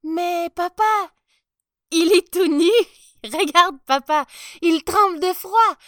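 A woman's voice: very high voice, slow pace, a bit bright, dry recording, clean studio sound, voice pushed up, exaggerated voice. A woman voicing a small, innocent boy who insists on what he sees in a storybook reading. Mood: amazed. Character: small blunt young boy.

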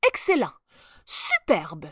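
A woman's voice: medium pitch, sing-song, quick pace, no echo, clean studio sound, natural voice. A woman voicing a blustering male army commander in a storybook reading.

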